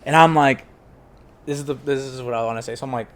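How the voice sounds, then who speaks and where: A man's voice: mid-range voice, quick pace. A young man co-hosting a podcast, telling stories in a casual chat, mimicking people and switching between English and Spanish. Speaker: podcast co-host.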